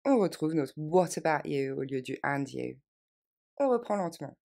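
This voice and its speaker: A French-speaking woman teaching English in a video lesson, modelling phrases slowly and clearly for learners to repeat. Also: deep voice, lively intonation, a little mellow. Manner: clear, instructive delivery with drills.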